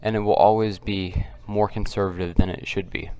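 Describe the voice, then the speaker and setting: A man hosting a casual, unscripted commentary video, keeping his voice quiet and subdued and talking in a halting, repetitive way. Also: fairly low pitch, little pitch movement. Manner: kept quiet, subdued because others are nearby. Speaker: political commentary video host. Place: at home, others nearby.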